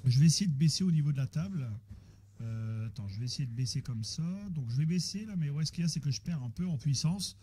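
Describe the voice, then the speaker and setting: Pitched on the high side, this man's voice is expressive and dark in tone, and he speaks quickly. He's an amateur radio operator in casual on-air chat about technical troubleshooting, hesitating and often saying things twice. Static and noise fill the recording.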